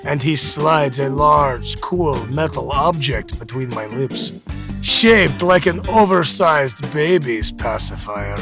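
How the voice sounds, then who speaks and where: A theatrical mock-Russian narrator of a racy novel, as a man puts him on. He draws out every line slowly and breathily, his voice gravelly and swooping up and down. Music plays clearly under him. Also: mid-range voice, lively intonation, voice pushed down. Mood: mock-sultry. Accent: put-on Russian accent. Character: hammy male reader of a steamy romance novel.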